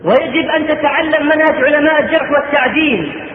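A man's voice: very high voice, fast. A man preaching a sermon, retelling a story with short quoted lines and then exhorting his listeners. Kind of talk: recorded sermon lecture. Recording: phone-like, echoey hall recording.

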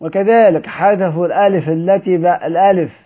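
A man's voice: high-pitched, fairly even intonation, fairly quick, slightly rough, narrow, tinny audio. A man with an Egyptian accent teaching a lesson, reading a classical text aloud in formal Arabic and then explaining it in everyday speech while putting questions to his students. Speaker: teacher of Quran orthography.

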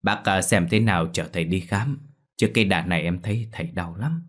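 A man's voice: low-pitched, a little fast. A man voicing an anxious middle-aged daughter, in a spoken story. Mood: worried. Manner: anxious, hushed urging.

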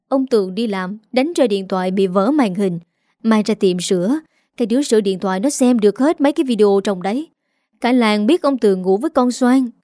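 A woman's voice: mid-range voice, warm tone, dry recording, studio quality, close to an everyday voice. A woman voicing an aging village mother who is tearful and bitterly complaining.

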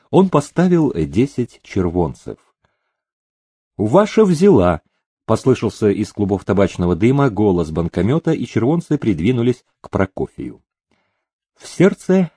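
A man reading a historical novel aloud, telling it in a lively way with frequent hesitation sounds. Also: lowish voice, husky, dry recording. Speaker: audiobook reader.

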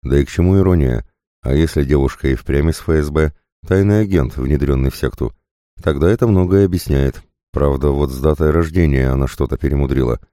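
A male audiobook narrator with a remarkably deep, dark voice. He tells the story at a measured, steady pace. The sound is dry and close to the mic. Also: no room sound. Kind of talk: scripted narration.

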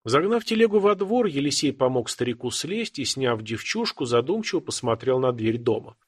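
A man reading an audiobook in a steady storytelling way. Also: medium pitch, normal speed, slightly rough. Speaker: audiobook narrator. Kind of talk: scripted narration.

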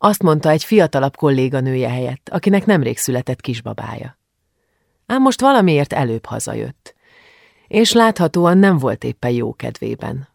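Brief: male narrator, measured storytelling, mid pitch, gravelly texture. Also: no room sound, clean studio sound. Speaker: audiobook narrator. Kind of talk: scripted narration.

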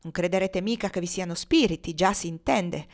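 A woman reading the part of a calm, cunning enslaved woman who speaks with icy mockery. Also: fairly low pitch, lightly acted. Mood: sly taunting. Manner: icy and mocking, slow and quiet.

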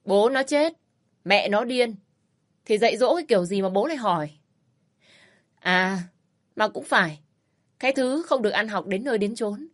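A woman's voice: medium pitch, animated, normal speed, pauses often, lightly acted. A woman voicing a spiteful, bullying sister-in-law who sneers and hurls insults. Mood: spiteful yelling.

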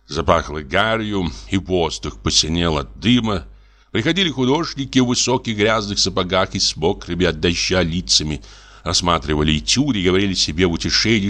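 A man narrating a classic literary story in a measured, expressive way. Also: lowish voice. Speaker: audiobook narrator.

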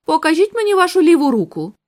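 A woman reading the part of a shrewd elderly male detective who speaks in a calm, firm way. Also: very high voice, fast talker, pitched above the performer's own voice. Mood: measured.

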